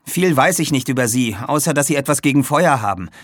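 A man's voice: mid-range voice, lively intonation, fairly quick, no room sound, clean studio sound, voice pushed up, close to an everyday voice. A man voicing a nervous, quarrelsome boy apprentice mage in a raised, urgent storybook voice. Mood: anxious urgent.

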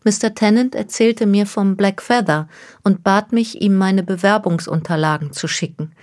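A woman's voice: medium pitch, normal speed, a little mellow, voice pushed up, natural voice. Woman voicing a distraught young woman near tears. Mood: explaining. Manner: pleading, close to tears. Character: young woman, distraught, stranded by a cruel hoax.

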